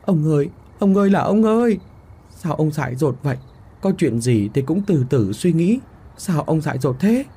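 Worried old wife, pleading, fretful, raised pitch, man doing the voice, horror storybook. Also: lively intonation, a little fast, warm tone, husky.

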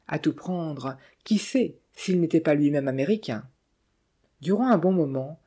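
A narrator reading a classic adventure novel aloud in a measured, steady way. The voice is dark and mellow, with a middling pitch. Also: breathy edge. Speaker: audiobook narrator. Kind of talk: scripted literary narration.

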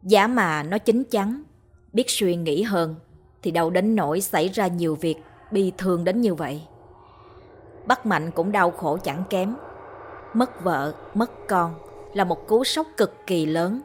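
A woman storyteller reading a ghost story in a steady, measured way. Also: fairly low pitch, slight background noise. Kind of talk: scripted narration of a ghost story.

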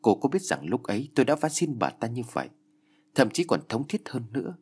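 The ghost of a murdered young woman speaks with pain and hatred, as a man voices her. Her husky, low voice carries bitter accusation. She is the vengeful spirit of an audio ghost story. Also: very animated, brisk, exaggerated voice.

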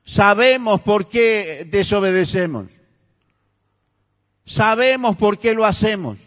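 High-voiced Rioplatense pastor preaching emphatically. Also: male voice. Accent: Rioplatense Spanish. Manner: emphatic preaching, rising to near-shouts. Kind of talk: sermon. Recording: echoey church hall.

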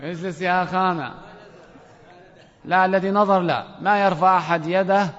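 A man's voice: sits high, fairly even intonation, normal speed, fairly bright tone. A man teaching a grammar class, quizzing students with a playful, commanding manner. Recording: dull audio in a reverberant hall.

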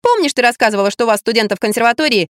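A woman reading an audiobook, voicing a bratty, sharp-tongued teenage girl in a shrill, indignant voice. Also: lively intonation, racing, no echo, clean studio sound, lightly acted. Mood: teasing. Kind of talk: audiobook character voice.

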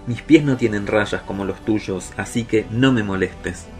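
A man's voice: lowish voice, unhurried, faint music behind, lightly acted. A man voicing a grumpy, impatient female walrus in a children's story. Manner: growling, impatient.

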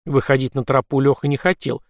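A man narrating an audiobook in a lively, expressive reading. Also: mid-range voice, brisk, creaky, dry recording, studio quality. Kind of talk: scripted narration.

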